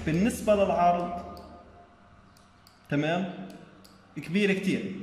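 A man's voice: a little high, a little mellow. A man giving a recorded engineering lecture, explaining step by step and checking that students follow. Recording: echoey room with long reverb.

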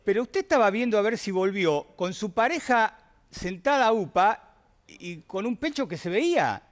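High, animated Argentine male journalist. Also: normal speed. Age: 50s. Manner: sceptical, animated. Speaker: news journalist. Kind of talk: probing live interview. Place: TV studio.

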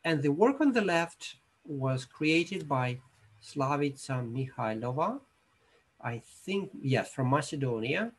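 Husky, higher-pitched Russian-accented man lecturing. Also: expressive. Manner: halting, reflective, with non-native English phrasing. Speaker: iconographer giving a lecture. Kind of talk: informal illustrated lecture.

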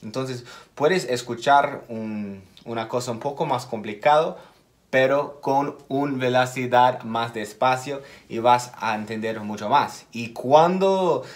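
A man giving a casual video lesson as an English teacher. He speaks slowly and deliberately, repeats key words and makes small slips in his Spanish. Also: medium pitch.

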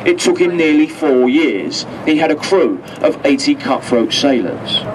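Heard from a distance as a PA voice over a boat speaker, mixed with boat noise, a man on a river boat crew chats and jokes while giving a tour on a handheld microphone. He is outdoors on the open deck. His voice is a little high and a little slow, with lively intonation.

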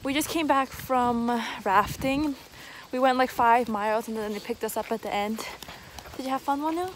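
A young woman casually vlogging at a rural campsite, chatty and relaxed, filming with a handheld camera at arm's length. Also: a little high, normal speed, noisy background. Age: young adult. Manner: chatty, relaxed, filler-heavy. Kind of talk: casual travel vlog. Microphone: handheld camera or phone at arm's length.

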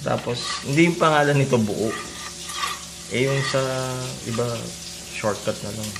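A man chatting casually in a home kitchen, giving relaxed, short replies. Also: medium pitch, a little slow, noisy background. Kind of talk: casual family chat. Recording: loud sizzling and frying behind.

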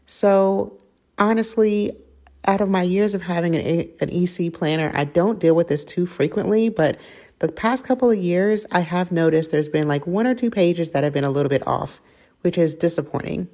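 A woman's voice: lowish voice, moderate pace, mellow. A middle-aged woman vlogging casually at home, chatty and self-correcting with many fillers, recorded on a camera at her dining table. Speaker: lifestyle vlogger. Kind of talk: casual vlog chat. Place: home dining room, indoors.

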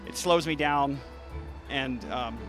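Speaking slowly in a mid-range voice, a beekeeper in his thirties casually explains things to an interviewer outdoors by the beehives in a garden. He's relaxed, with frequent restarts and fillers. Music is in the background, and he's on a handheld interview mic.

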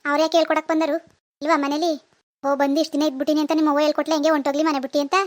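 A woman's voice: high-pitched, level tone, rapid-fire, lightly acted. A woman voicing an easily offended old grandmother who grumbles and answers back with sarcasm, in a rural Kannada village dialect. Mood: aggrieved. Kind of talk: cartoon voice acting.

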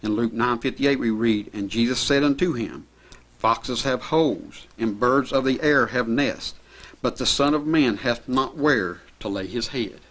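Middle-aged guy preaching at a pulpit mic, earnest steady sermon, small chapel. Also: mid-range voice, a little slow. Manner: earnest, steady reading of scripture from notes. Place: small church chapel indoors.

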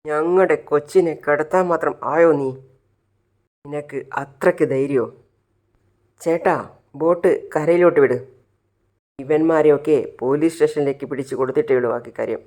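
A man's voice: on the high side, fairly even intonation, moderate pace, long pauses, darkish tone, lightly acted. A man voicing an angry, protective man who scolds a kidnapper and gives orders, in a retold family drama.

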